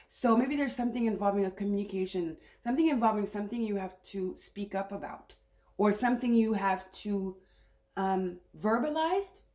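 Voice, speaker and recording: A woman talks through a tarot reading in a loose, chatty way, wandering between thoughts as she goes. Her voice sits at a medium pitch, and the recording has a noticeable roomy echo. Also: a little mellow. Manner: rambling, chatty, thinking aloud. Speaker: tarot reader. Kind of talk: casual spiritual reading.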